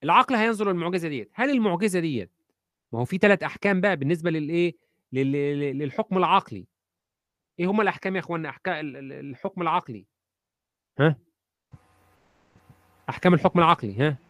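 Man, Egyptian accent, teacher, quizzes students, rapid speech, slightly high voice. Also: animated, fairly bright tone, dry recording, studio quality. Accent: Egyptian Arabic. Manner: quizzing students, repeating key phrases. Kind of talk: interactive online lesson.

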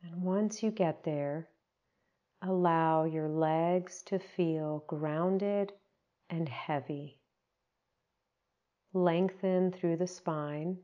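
A woman with a lowish voice, heard through a muffled recording, leads a guided meditation. Her instructions are gentle and unhurried, with long pauses between them.

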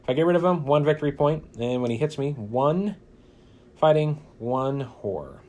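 This solo card player has a slightly high, animated, somewhat mellow voice. He reads the flavor text dramatically, then talks about his plays in a loose, halting way peppered with fillers.

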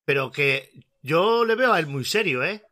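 A man from co-hosting a casual reaction chat, commenting excitably play by play. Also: fairly high pitch, measured pace. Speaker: co-host.

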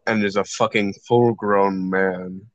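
A man with a fairly low voice trades crude teasing with a friend and swears constantly. The sound is dry and close, with a dull, lo-fi microphone that takes the top off his voice. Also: steady tone, a little slow, no room sound. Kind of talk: casual chat. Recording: dull lo-fi mic.

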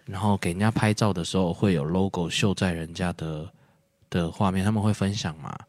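A man chats casually on a podcast, his voice sitting low. He rambles through explanations with frequent fillers and restarts, recorded dry and close. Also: fairly even intonation, a little fast, darkish tone, dry recording. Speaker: podcast co-host. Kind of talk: casual chat.

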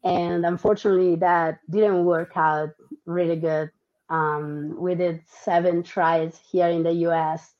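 On dull lo-fi audio, a female podcast guest from Argentina and Italy, who grew up in Italy, chats casually in an interview. Her voice sits on the low side, her tone steady and her delivery unhurried, full of ums and false starts.

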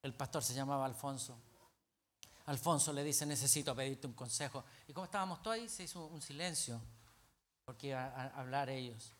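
Male pastor, storytelling sermon, bright and forceful, bursts of loudness. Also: mid-range voice, a little fast. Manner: animated, swings from quiet to loud outbursts.

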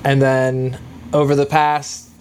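A man guesting on a podcast, excitable in casual chat and swearing freely. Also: medium pitch, takes it slowly, slight background noise.

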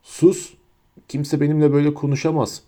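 Guy doing a creepy silky wizard teacher, low and hissy, dark mellow voice, audiobook. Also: fairly even intonation, moderate pace, close to an everyday voice. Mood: furious. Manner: low, silky, hissing menace. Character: cold, menacing adult male wizard teacher. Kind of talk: audiobook character voice.

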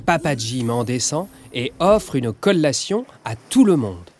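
A man narrating a children's audiobook in a lively, expressive storytelling manner. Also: mid-range voice, unhurried.

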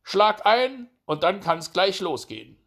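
A man's voice: sits high, sing-song, measured pace, a bit bright, pitched above the performer's own voice, heavily acted. A man doing a drawling, scornful hare. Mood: mocking. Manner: drawling, mocking. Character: scornful proud male hare.

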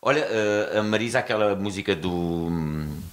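A man's voice: on the low side, normal speed, a little hiss or hum. Chatty man with a European Portuguese accent. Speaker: band member. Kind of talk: casual interview chat.

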